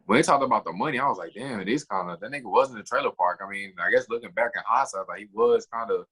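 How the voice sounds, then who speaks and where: A man co-hosting a casual podcast, talking fast and loosely in slang, full of restarts. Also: fairly low pitch, fairly bright tone, husky, low-quality recording. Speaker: podcast co-host. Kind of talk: casual chat.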